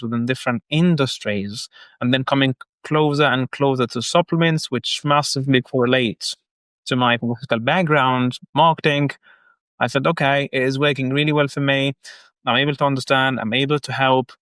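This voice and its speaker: This is a thirty-something Egyptian man who founded a marketing agency, interviewed on a casual business podcast. He explains what he does earnestly and step by step, in a fairly bright, medium-pitched voice with no echo.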